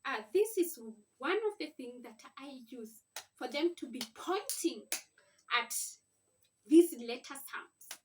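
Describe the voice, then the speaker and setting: Speaking slowly in an expressive high voice, a woman teaches her kids to read at home, keeping her phrases simple for an informal instructional vlog. The distant mic catches faint background noise.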